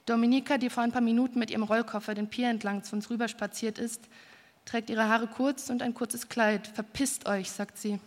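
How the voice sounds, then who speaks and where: Woman narrator, fairly high voice, calm literary reading, long reverb around her. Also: fairly quick. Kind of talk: literary first-person reading.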